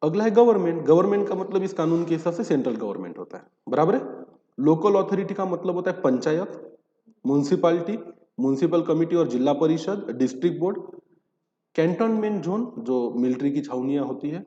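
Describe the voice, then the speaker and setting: A man's voice: a little high, expressive, fairly quick, warm tone. A man giving a recorded lecture, explaining terms by asking questions and answering them himself, reading English legal text between spoken Hindi. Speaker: teacher. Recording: dull echoey hall recording.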